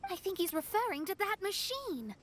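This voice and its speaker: An outspoken young adventurer in a video game. She speaks in a high voice, in a direct, brisk way. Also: very animated, soft background music.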